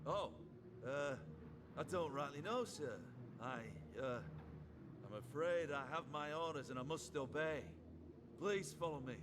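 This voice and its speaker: A man's voice: a little high, measured pace, background noise, close to an everyday voice. An actor playing a dutiful young male soldier in a video game, formal and deferential. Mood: apologetic. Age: young adult. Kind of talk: game character acting.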